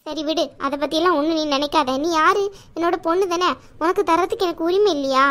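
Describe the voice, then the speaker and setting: A woman's voice: very high voice, fast talker, fairly bright tone. A woman voicing a middle-aged aunt in a cartoon, firm and bossy but affectionate. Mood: firm caring. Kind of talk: cartoon voice acting.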